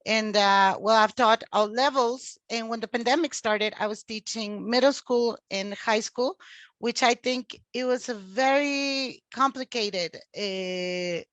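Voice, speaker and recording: A woman's voice: on the high side, measured pace, fairly bright tone, dry recording. A woman in her forties from Mexico, a teacher talking as a podcast guest, chatty with many fillers and restarts. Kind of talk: casual interview talk.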